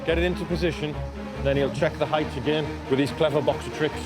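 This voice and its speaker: A man with a slightly high voice gives casual explanations as a railway engineer on an outdoor work site. Loud music plays behind him. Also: fairly even intonation, quick pace. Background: prominent music, outdoor traffic sounds.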